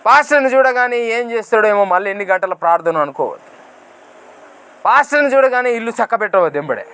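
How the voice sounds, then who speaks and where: A man preaching a fiery sermon as a pastor, swinging from loud outbursts to hushed asides and firing rhetorical questions. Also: high-pitched, lively intonation, fast, clear, resonant tone.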